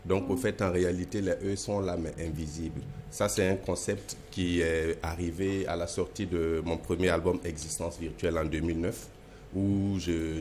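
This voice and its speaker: A man's voice: deep voice, darkish tone, a little hiss or hum. A man explaining a concept as a guest in an interview. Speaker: interview guest, slam poet.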